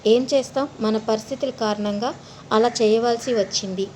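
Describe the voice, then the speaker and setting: A woman's voice: a little high, fairly even intonation, moderate pace, warm tone, a little hiss or hum, lightly acted. A woman voicing an anxious mother who scolds and comforts her daughter. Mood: worried. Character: worried mother of a teenage girl.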